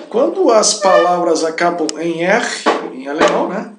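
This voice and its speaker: A man's voice: high-pitched, very animated, normal speed, slight background noise. A man teaching a language lesson, saying each word several times and checking in with little tag questions. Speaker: German teacher. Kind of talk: slow spoken language lesson. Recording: roomy echo.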